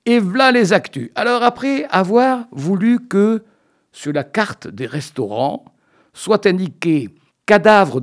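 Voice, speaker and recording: A man in a radio studio delivering a comic radio chronicle in a playful, teasing, mock-solemn way. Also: high voice. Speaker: radio columnist.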